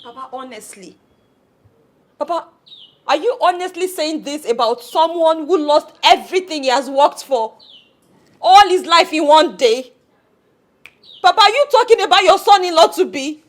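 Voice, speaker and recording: A woman's voice: very high voice, expressive, moderate pace, fairly bright tone. Distraught young Nigerian woman. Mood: indignant. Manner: pleading, emotional outbursts. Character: distraught young woman, grieving fiancé's loss. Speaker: daughter. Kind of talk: film drama acting. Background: film score.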